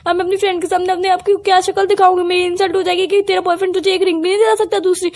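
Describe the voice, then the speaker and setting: A woman's voice: very high voice, little pitch movement, very fast, darkish tone. A woman playing a girlfriend in a comedy skit, whining and pleading in a sulky way over a pretend phone call.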